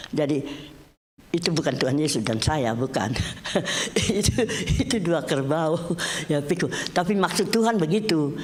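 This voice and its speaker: A woman pastor giving a conversational sermon at a church service, talking chattily to the congregation, often addressing them directly and mixing in English phrases. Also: slight background noise. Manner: chatty, swings between raised exclamations and low murmurs.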